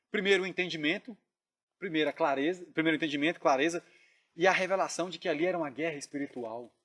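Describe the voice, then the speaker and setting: A man earnestly retelling a dream in casual storytelling, often dropping his voice to a hush. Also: fairly high pitch. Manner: earnest, drops to hushed tones when reliving tense moments. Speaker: dream narrator.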